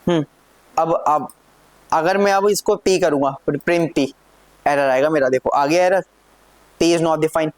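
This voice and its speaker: A man teaching a live programming lesson, talking through code step by step and often asking his students whether it is clear. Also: a little high, measured pace, pauses often, no echo. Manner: checks in often with questions to students. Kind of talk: live classroom coding lesson.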